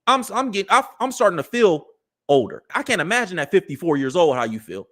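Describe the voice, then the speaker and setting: A man in his early thirties, high-voiced, runs a live commentary show and preaches at his listeners head-on, leaning heavily on street slang. He talks fast, his pitch swinging widely, with a fairly bright tone.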